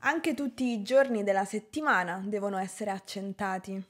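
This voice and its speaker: A woman teaching a language lesson, pronouncing example words carefully and deliberately. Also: mid-range voice, fairly even intonation. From Italy. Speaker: Italian teacher. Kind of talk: slow, clear language lesson.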